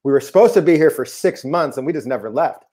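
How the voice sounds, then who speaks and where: A Seattle-area basketball coach swaps stories in a casual video call, his voice fairly high, warm, expressive and fast. He's relaxed, quick to laugh, and keeps dropping "man" into his talk.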